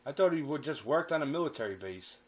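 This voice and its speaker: A man's voice: a little high, quick pace, slightly rough. A man telling a personal anecdote, swearing freely as he goes. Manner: profane, animated storytelling. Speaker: storyteller.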